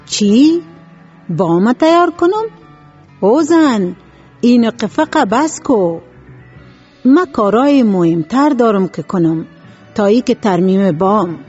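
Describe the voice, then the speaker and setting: Lady putting on a grumpy stubborn village guy, husky, soft music behind. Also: medium pitch, highs cut off, natural voice. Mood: irritated. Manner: irritable, exclaiming.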